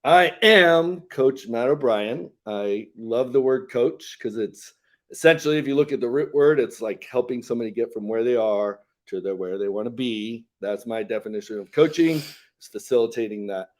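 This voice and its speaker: A man in his fifties, a health coach co-hosting a live show, talking earnestly and telling a story with frequent pauses and fillers. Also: medium pitch. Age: 50s. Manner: earnest, pausing often with "and, uh" fillers.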